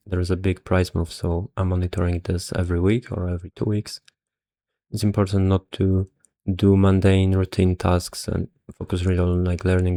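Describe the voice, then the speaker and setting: This man has a deep, warm voice, recorded with no echo. He's an investor explaining stock valuation, a little worn out and musing casually, hesitant and half talking to himself as he works through the numbers.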